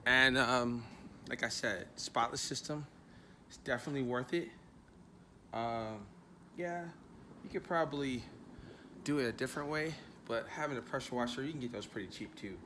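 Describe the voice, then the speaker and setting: A laid-back man with a Philadelphia accent talks casually to his viewers, chatty and loose with his swearing. His voice sits at an ordinary middle pitch. Clear outdoor noise runs behind him. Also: normal speed, pauses often, bright, forceful tone. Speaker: car channel host. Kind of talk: casual vlog talk. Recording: noisy outdoor ambience.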